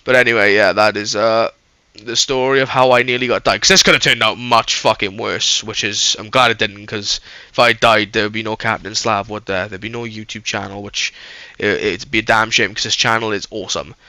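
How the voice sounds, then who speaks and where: Bright-voiced man telling a story. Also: on the low side, steady tone, brisk, no room sound. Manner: rambling, heavy swearing. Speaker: YouTuber. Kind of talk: casual storytelling.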